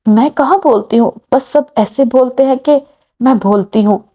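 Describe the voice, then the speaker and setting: A woman's voice: high-pitched, moderate pace, dark tone. A woman voicing a bold young woman who gets flustered, in a romance story. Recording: muffled lo-fi recording.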